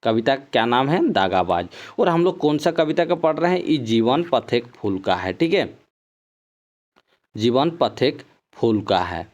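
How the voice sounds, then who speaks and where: A man's voice: mid-range voice, sing-song, a little slow. A man teaches an exam-prep class, reading poem lines aloud and then explaining them, and he keeps repeating "ठीक है". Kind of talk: explaining poems in a recorded class. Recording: dull lo-fi sound.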